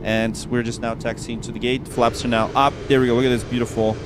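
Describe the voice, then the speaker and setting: Man live-streaming as pilot, over steady hum. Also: medium pitch, brisk. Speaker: live-stream host playing airline pilot. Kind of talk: casual running commentary with radio callouts. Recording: steady engine-like hum behind voice.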